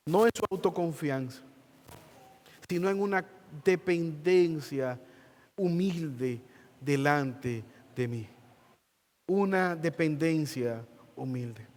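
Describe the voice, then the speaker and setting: A male pastor preaches in a slow, earnest way and leans hard on key words. His voice sits fairly high for a man. It carries a long reverb from the church hall. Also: darkish tone. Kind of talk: sermon ending in prayer.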